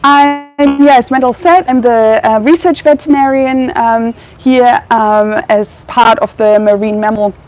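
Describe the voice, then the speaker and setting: A young German woman, a research veterinarian, gives a chatty public talk full of ums, restarts and self-corrections, her German accent tinged with Australian. Her voice sits on the high side with a darkish tone, and she speaks unhurriedly with hardly any pauses. Faint music plays behind her, and the recording is rough.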